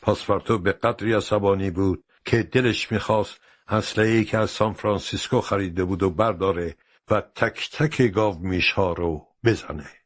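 A man narrating a storybook in a steady, measured way. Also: fairly low pitch, no echo, clean studio sound.

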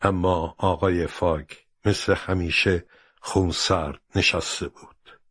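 A man narrating a storybook in a steady, measured way. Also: low voice, breathy edge, dry recording, studio quality.

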